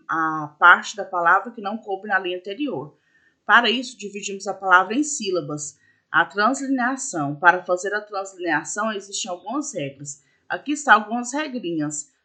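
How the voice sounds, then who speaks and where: A woman's voice: medium pitch, pushed and bright. A woman teacher patiently explaining a school lesson step by step, with frequent fillers. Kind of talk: recorded classroom lesson.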